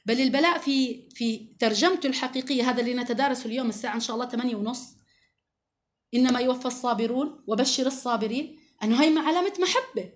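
A woman's voice: on the high side, rapid-fire. A woman giving an earnest, emphatic religious lesson to women, often quoting scripture. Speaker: religious teacher.

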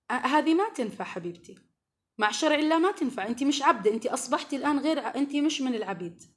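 Earnest high-voiced woman preaching. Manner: earnest and pleading, coaxing asides and rising emphasis. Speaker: preacher addressing women. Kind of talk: religious lesson to women.

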